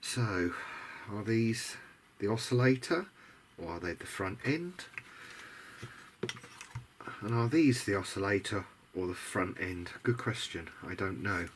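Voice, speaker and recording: Speaking slowly with long pauses, a man with a fairly low, expressive voice gives relaxed, unscripted commentary at his workbench. He sounds tentative and reflective, a hobbyist thinking aloud for a video diary. The recording has noticeable background noise.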